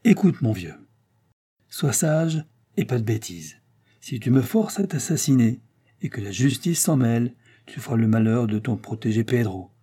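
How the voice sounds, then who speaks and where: A man reading an audiobook and voicing a smooth-talking, menacing male villain with falsely genial politeness. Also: medium pitch, lively intonation, moderate pace, mellow. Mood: threatening.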